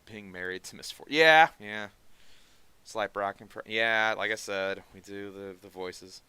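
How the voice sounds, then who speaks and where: A man with a fairly low, nasal voice that comes across as sarcastic by default chats casually with viewers while drawing on a stream. His tone is sharp, clear and resonant, and he rambles, tossing off quick asides and mutters as he works.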